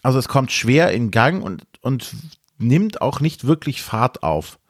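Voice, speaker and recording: A man co-hosting a board game podcast, giving a hesitant, measured critique in casual chat. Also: medium pitch, big pitch swings, dry recording, studio quality.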